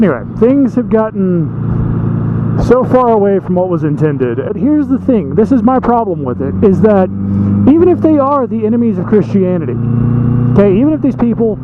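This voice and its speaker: A man rambling and thinking aloud in a casual, emphatic vlog monologue, speaking inside a helmet as he rides a motorcycle. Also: sits high. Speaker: motovlog host. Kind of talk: casual opinionated monologue while riding a motorcycle. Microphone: microphone inside a motorcycle helmet. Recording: muffled helmet mic, thin band, loud engine and road noise.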